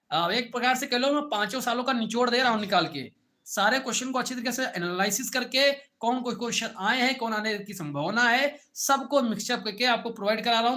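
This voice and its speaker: A male teacher delivers an online class in a bright, forceful voice. He keeps firing short check questions at his students and repeats key terms. His delivery is informal and direct. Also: extremely high pitch. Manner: repetitive call-and-response questioning. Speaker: agriculture teacher.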